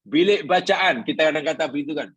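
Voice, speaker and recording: Husky-voiced Malaysian teacher giving a Quran lesson. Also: male voice, on the high side, fast talker, a bit bright, dry recording. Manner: explains patiently, repeats points, asks the audience questions. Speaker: religious teacher. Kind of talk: Quran class lecture.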